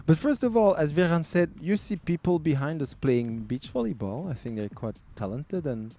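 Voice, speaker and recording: A man's voice: on the high side, animated, normal speed, mellow. A man hosting a casual podcast chat outdoors, leading the talk with upbeat questions. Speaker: podcast host. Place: outdoors at a table in the sun.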